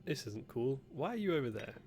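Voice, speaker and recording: A man's voice: mid-range voice, sing-song, a little fast. A man, a gaming streamer, chatting playfully and sarcastically while he plays a strategy game. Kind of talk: let's-play commentary. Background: faint game music.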